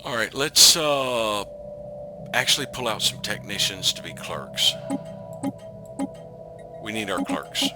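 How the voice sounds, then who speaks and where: A man's voice: lowish voice, big pitch swings, takes it slowly, long pauses. A man giving casual gameplay commentary as a let's play host, thinking aloud and trailing off into frequent ums. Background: game music.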